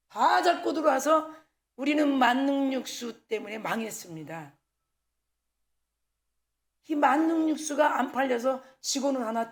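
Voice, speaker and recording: A woman pastor preaching a sermon at a church service, telling candid personal stories in a lively way and acting out the dialogue. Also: fairly high pitch, creaky. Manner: candid, animated storytelling with acted-out dialogue.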